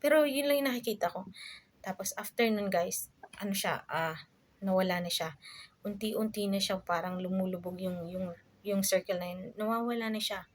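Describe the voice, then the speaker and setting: A woman's voice: mid-range voice, normal speed. Filipina woman chatting to her viewers. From Philippines. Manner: chatty, many fillers, addresses viewers as guys. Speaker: vlogger. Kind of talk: casual storytelling to viewers.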